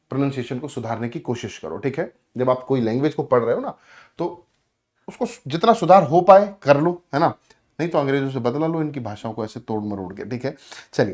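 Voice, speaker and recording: A man teaching English grammar for exams. He asks his own questions, answers them step by step, and calls his students friends. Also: fairly high pitch. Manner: addresses students as friends and brother. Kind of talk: exam-prep grammar lesson.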